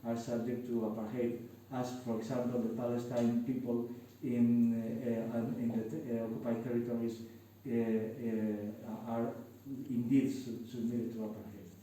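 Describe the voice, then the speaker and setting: A Spanish-accented man speaks carefully in English, halting on fillers and restarting his phrases. His voice is dark and flat in pitch. He sits far from the mic in a very echoey classroom with faint room noise. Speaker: lawyer. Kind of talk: panel discussion remarks. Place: university classroom.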